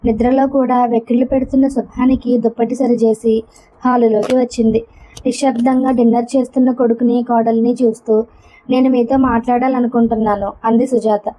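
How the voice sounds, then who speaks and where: A woman storyteller reading a story aloud in a steady, even way. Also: fairly high pitch, fairly quick, a little hiss or hum. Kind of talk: scripted story narration. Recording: dull lo-fi recording.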